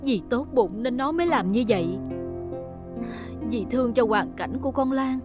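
A woman's voice: on the high side, expressive, moderate pace, music in the background, close to an everyday voice. An actress playing a kind, humble woman with a southern Vietnamese accent in a television drama. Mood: tearful pleading.

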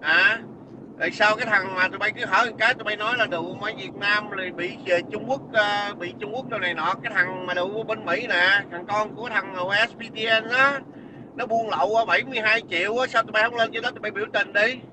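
A man's voice: high voice, steady tone, fast talker. A man hurls scornful, profane insults in an angry rant. He sounds like he is calling into a livestream. Heavy wind noise whips across the mic outdoors.

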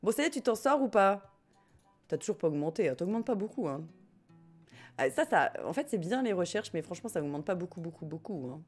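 A woman's voice: on the low side, big pitch swings, fairly quick, darkish tone, soft background music. A woman with a French accent chatting casually as she streams a life-sim game and reads her chat, joking and often laughing. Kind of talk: casual gameplay commentary, reading chat.

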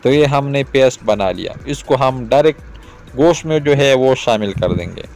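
A man in his thirties from Pakistan, hosting a cooking video and calmly explaining each step to viewers outdoors. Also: mid-range voice, normal speed, creaky, soft background music. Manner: calm, repetitive explaining, addresses viewers directly. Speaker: cooking channel host. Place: outdoors in a garden yard.

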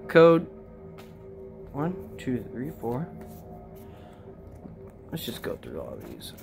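A casual vlogger opening trading card packs, talking to viewers directly in an excitable, slangy way. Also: mid-range voice, slow, gravelly, over music. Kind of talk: casual unboxing chat.

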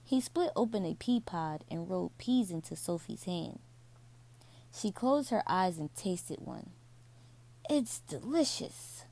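A woman reading a bedtime story aloud to children, slowly and soothingly. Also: lowish voice, expressive, vocal fry, warm tone.

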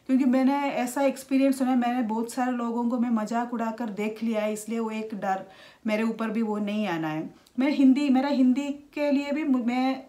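Woman, thirties, casual vlog talk, halting with restarts, higher voice. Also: a little mellow. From India. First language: Malayalam. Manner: halting, many restarts and fillers. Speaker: vlogger.

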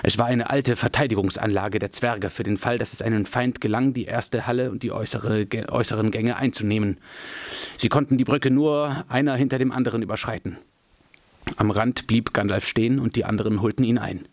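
A man reading a fantasy novel aloud in a measured, dramatic storytelling manner. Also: fairly low pitch, no room sound. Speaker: audiobook reader.

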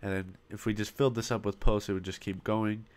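A web design tutorial host with a fairly low, slightly mellow voice and little pitch movement walks through building a website step by step in a casual screen-recorded software walkthrough. His voice is failing, and he pauses often and coughs now and then into a popping desktop mic.

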